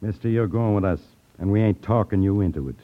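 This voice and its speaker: In a 1950s radio crime drama, an actor plays a blunt, menacing gangster henchman using curt tough-guy talk in a bossy, threatening mood. He talks fast in a lowish, natural voice, and the recording is tinny and narrow.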